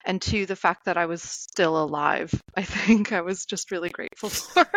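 A Canadian woman speaks as an interview guest, telling personal stories in a conversational way. Her voice is slightly low for a woman, and the sound is dry, with very little room around it. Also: very animated, normal speed, a bit bright, no echo. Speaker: podcast guest, endurance athlete. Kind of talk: casual conversational storytelling.

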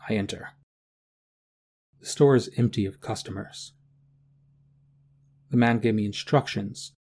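A man's voice: fairly low pitch, a little slow, a little mellow. Guy playing a shaky desperate writer who can't hear, pleading. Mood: shaken. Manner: pleading, shaken. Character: desperate deaf male author.

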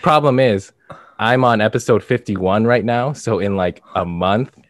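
Male podcast co-host, low register, monotone and casual, recorded dry and close. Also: a little slow, dry recording. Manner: monotone, flat delivery.

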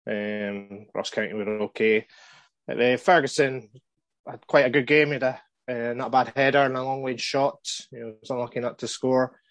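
A man co-hosting a casual fantasy football podcast, giving measured advice with frequent hesitations. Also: medium pitch, steady tone, no echo. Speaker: podcast co-host.

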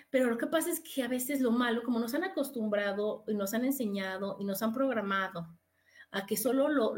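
A woman hosts her podcast in an easy, chatty way, with a high voice. She talks with expressive swings, acts out quoted exchanges in other voices and repeats key words for emphasis. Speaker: podcast host. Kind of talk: casual self-help talk.

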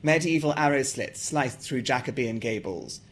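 A South African man with an English accent discusses his novel and reads passages from it aloud. He speaks at a medium pitch and normal speed, with a little hiss or hum on the recording.

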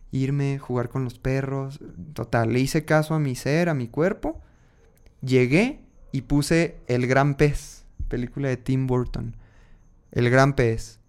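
A man, hosting a casual podcast and telling a personal story in an animated way, voicing his own inner dialogue. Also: medium pitch, clean tone.

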